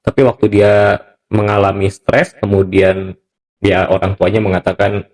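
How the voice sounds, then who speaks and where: A man hosting a podcast, talking in a relaxed, conversational way with frequent chuckles and emphatic asides. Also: on the low side, a little slow. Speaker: podcast host.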